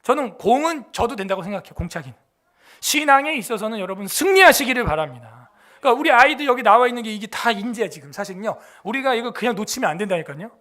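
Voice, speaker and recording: A pastor preaches in a high, bright man's voice. His delivery is animated and chatty, and he keeps tossing rhetorical questions at the congregation. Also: quick pace. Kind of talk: sermon. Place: church.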